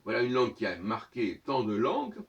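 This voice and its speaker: A man giving a lecturing monologue on his own channel, professorial and argumentative, pausing on fillers while he searches for words. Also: mid-range voice, big pitch swings, vocal fry, distant mic, lo-fi sound.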